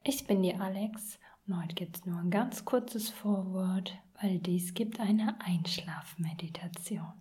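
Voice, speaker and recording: A woman whispering a guided sleep meditation like a sleep story narrator, gentle and soothing. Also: fairly low pitch, takes it slowly, few pauses. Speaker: podcast host and meditation guide.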